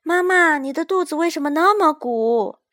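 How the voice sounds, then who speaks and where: A woman's voice: sits high, normal speed, pitched above the performer's own voice, natural voice. A woman voicing a small, anxious little boy who keeps asking questions in a children's story. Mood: wistful.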